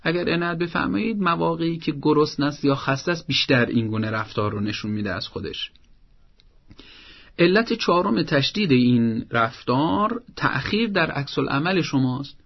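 A man's voice: fairly high pitch, lively intonation, gravelly, dull audio. A man giving parenting advice on a broadcast program, speaking in a firm, didactic way and explaining things step by step. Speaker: parenting advisor.

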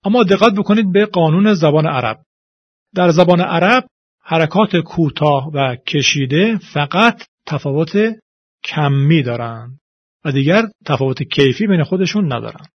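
A man teaching a pronunciation lesson, speaking slowly and deliberately and drawing out the example words. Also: a little high, slightly rough, no echo, dull audio.

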